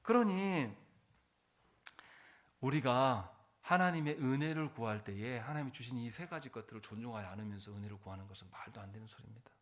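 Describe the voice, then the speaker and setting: A man's voice: mid-range voice, expressive, fairly quick, a bit bright. A man preaching a Sunday sermon in church as pastor. He keeps putting rhetorical questions to the congregation and answers them himself, pressing points with shifting force. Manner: emphatic, rising and falling in force.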